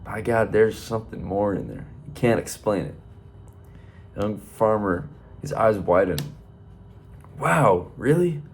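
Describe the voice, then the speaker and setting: Guy spinning a long shaggy-dog joke, folksy, kinda low voice, keeps saying by god. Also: fairly even intonation, unhurried, gravelly, darkish tone, slight background noise. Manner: folksy, rambling, repeats 'by God'. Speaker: comedian.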